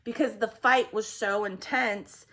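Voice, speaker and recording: A woman giving a casual psychic reading, halting and repetitive with many fillers and restarts, sometimes sinking to a near-whisper. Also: medium pitch, fairly even intonation, a bit bright. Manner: swearing, acts out heated quotes. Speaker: psychic reader.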